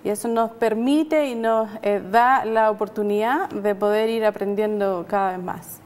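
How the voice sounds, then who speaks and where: A woman's voice: mid-range voice, fairly even intonation, moderate pace, darkish tone, in a large hall. A middle-aged Chilean woman, a nurse, talking on a faith program and leading a prayer, hesitant and full of filler sounds and tag questions. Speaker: nurse and guest.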